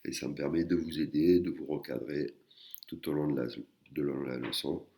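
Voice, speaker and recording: Male language teacher, very deep and gravelly, casual and halting, full of fillers. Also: mellow, slight background noise. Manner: hesitant, many fillers and restarts; sounds out syllables slowly. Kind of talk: casual spoken lesson.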